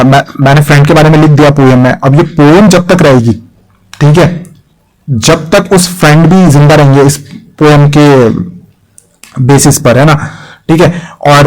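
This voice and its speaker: A man's voice: on the high side, a little mellow, poor audio. A young man talks through an exam-prep lesson with a slightly raised voice. He often poses a question and then answers it himself. His delivery is patient and repetitive. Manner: repeats key points as questions and answers them. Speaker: teacher.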